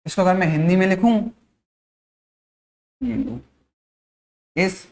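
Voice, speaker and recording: A male teacher from India leads a spoken-English class. He drills each word slowly and repeats it, poses questions and answers them himself, and adds short check-ins throughout to keep students with him. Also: high voice, creaky, darkish tone. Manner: repeats words slowly, asks and answers his own questions; frequent checking-in tag phrases.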